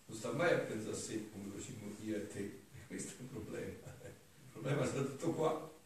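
A man, a friar, preaching a homily in a conversational way, often tagging questions onto his points and swinging between quiet asides and loud, emphatic passages. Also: on the low side, normal speed, a little hiss or hum. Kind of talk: sermon. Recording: very echoey church, mic far off.

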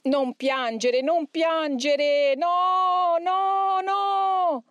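A woman's voice: high-pitched, steady tone, measured pace, darkish tone, smooth, dry recording, highs cut off, pitched above the performer's own voice. A woman voicing a raging male demon who screams, mocks and sobs with rage, read aloud from an exorcism account. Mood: screaming.

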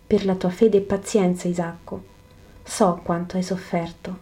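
A soft, patient holy teacher, as a woman reads him. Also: on the low side, flat delivery, unhurried. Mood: gentle, solemn. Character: gentle male teacher, calm and patient. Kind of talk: scripted reading of a religious narrative.

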